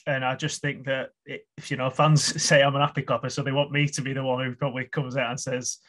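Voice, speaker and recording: A man's voice: medium pitch, little pitch movement, quick pace, fairly bright tone. A man hosting a casual football chat over a video call, earnest and rambling, often restarting his sentences. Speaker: podcast host.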